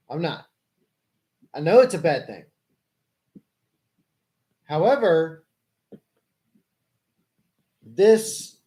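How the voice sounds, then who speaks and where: High-pitched man explaining and correcting. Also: warm tone. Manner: explanatory, corrects and rephrases the other speaker. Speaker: livestream host. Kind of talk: live political debate with a caller.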